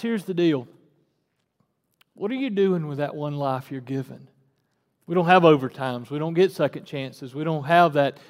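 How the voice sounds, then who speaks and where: Speaking to his congregation, a pastor in his forties gives a relaxed, folksy sermon that climbs into fervent emphasis. His voice runs on the high side, and the church sanctuary adds a long reverb tail.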